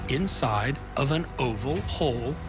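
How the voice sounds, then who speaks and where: A man speaks in short, earnest documentary soundbites, sounding awed at what he describes. His voice has a middle pitch, and strong trailer music runs under it throughout. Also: lively intonation, measured pace.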